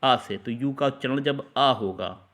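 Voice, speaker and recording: A man's voice: mid-range voice, unhurried, fairly bright tone. A man teaching an English grammar lesson, explaining step by step, repeating words and asking the class questions.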